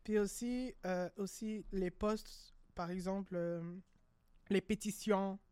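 Young woman, halting. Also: mid-range voice, warm tone, clear, resonant tone, dry recording. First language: not French. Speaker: panel participant. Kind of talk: casual group discussion.

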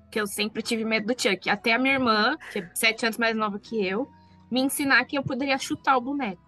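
A Brazilian woman with a fairly high voice chats with friends on a podcast and spins a story with playful, animated energy, turning to her co-hosts for quick asides. Faint music sits low behind her. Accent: Brazilian Portuguese. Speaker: podcast co-host. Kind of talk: casual chat, storytelling.

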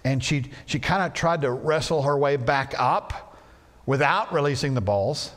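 A man's voice: medium pitch, a little slow, fairly bright tone. A male pastor preaching a sermon in a church, telling a story with playful asides. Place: church sanctuary.

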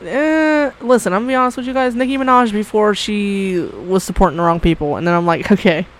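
A woman's voice: mid-range voice, fairly quick, rough recording. A woman co-hosting a casual podcast chat, blunt and swearing freely, often breaking into laughter. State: coughing briefly. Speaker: podcast co-host.

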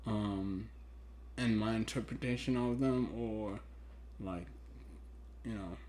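With a lowish, darkish voice and fairly even intonation, a Ghanaian man whose first language is Twi hosts a casual, reflective podcast. He sounds hesitant and thoughtful, with pauses that trail off.

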